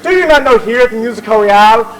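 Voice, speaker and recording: A man's voice: very high-pitched, animated, fast. An actor playing a bossy, theatrical Victorian music hall chairman, declaiming and bantering with the audience on stage. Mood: showy, bantering. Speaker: master of ceremonies. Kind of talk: comic stage musical narration. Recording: noisy live theatre audience recording.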